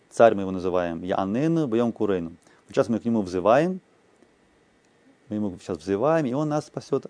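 Male teacher, low and mellow voice, patient, repeats phrases aloud to explain them, dry close recording. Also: dry recording. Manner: slow, explanatory, chanting phrases aloud and translating. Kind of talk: explanatory lesson.

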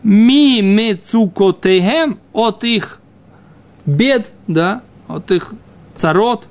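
Guy with a high voice teaching scripture class, reads then explains bit by bit, keeps asking little check questions. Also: expressive, drawn-out words. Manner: explains in fragments, often adds checking questions. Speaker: religion teacher. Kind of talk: informal Talmud lesson, reading and explaining.

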